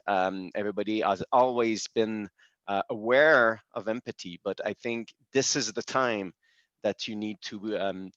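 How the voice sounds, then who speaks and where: Presenting a webinar in English, this Quebec host has a French accent and a voice on the low side with a fairly bright tone. He pauses often and restarts sentences, struggling a little in a second language, so the presentation sounds hesitant. The sound is dull, dry video call audio.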